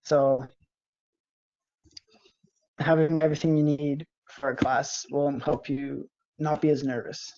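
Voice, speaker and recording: A cadet flight sergeant giving a lesson over a video call, hesitant and monotone. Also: medium pitch, slow, pauses often. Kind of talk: online class lesson. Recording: muffled video call audio.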